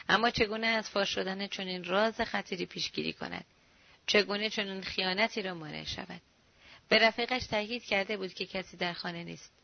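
A woman narrating a novel in a measured, steady storytelling voice. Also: mid-range voice, creaky, no echo. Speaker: audiobook narrator. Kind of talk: scripted narration. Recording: dull, dry lo-fi recording.

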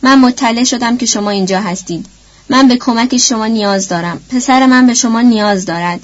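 A desperate grown man begging strangers for help for his son, urgent and loud in an audiobook, read by a woman. The recording is dull and lo-fi. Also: a little high, lightly acted. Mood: pleading.

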